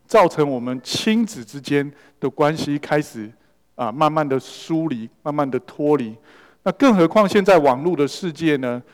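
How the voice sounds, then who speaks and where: Pastor guy preaching, kinda high voice, lots of hall echo, tosses in english words. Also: darkish tone. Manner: storytelling preacher who mixes in English words. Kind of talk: sermon. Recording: long reverb of a large hall.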